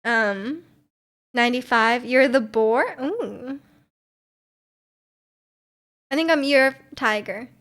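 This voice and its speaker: A woman's voice: on the high side, a little slow, a bit bright. A woman in her twenties streaming, chatting casually and reading viewer messages, giggly and talkative. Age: 20s. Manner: giggly, chatty, often laughing.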